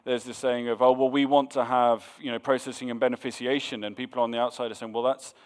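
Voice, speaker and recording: A man's voice: mid-range voice, little pitch movement, fast talker, clean tone. Hesitant man moderating a panel. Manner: hesitant, repeats words while thinking. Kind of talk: panel discussion.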